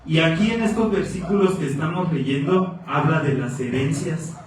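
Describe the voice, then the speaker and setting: A man's voice: a little high, normal speed, slight background noise. A male pastor, preaching a sermon in an earnest, exhorting way and repeating phrases for emphasis. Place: church sanctuary. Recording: very echoey church from far off.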